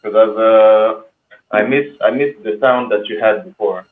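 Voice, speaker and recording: A man talking on a video call, slow and easygoing in casual chat. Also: fairly low pitch, roomy sound, narrow, tinny audio.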